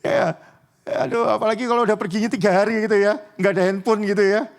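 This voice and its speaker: A male preacher with a high voice gives a casual church sermon. He jokes with the congregation and keeps asking them to agree. At dramatic moments he sinks into a near whisper. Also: fairly even intonation, fast talker. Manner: chatty, joking, often asks the congregation "betul ya?".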